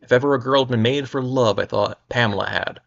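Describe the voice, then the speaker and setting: A man's voice: medium pitch, brisk, vocal fry. A young man casually reading a pulp novel aloud on a livestream, with wry asides and stumbles, in muffled lo-fi audio. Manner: wry, amused, stumbles over words. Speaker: livestream reader.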